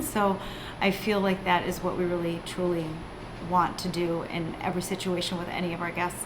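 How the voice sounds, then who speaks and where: A woman from the family that runs the company, explaining its values earnestly in an interview, with frequent "um" pauses. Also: lowish voice, background noise. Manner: earnest, uses "um" fillers. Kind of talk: interview answers.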